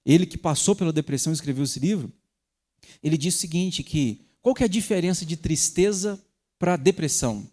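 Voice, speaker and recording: Male pastor, sermon, very lively pitch swings, emphatic peaks. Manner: animated preaching with sharp emphatic rises. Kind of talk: sermon teaching.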